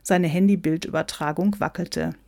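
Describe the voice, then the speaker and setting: A woman narrating a humorous story in a wry, lively reading. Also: on the low side, moderate pace, vocal fry, no echo, studio quality.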